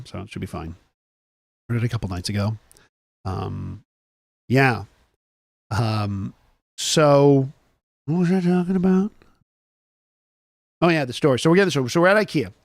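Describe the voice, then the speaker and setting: A man's voice: mid-range voice, animated, normal speed, gravelly, pauses often, dry recording. Chatty, rambling man on a dry mic. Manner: rambling, chatty, jokey asides to viewers. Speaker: host. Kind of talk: casual morning chat with live chat.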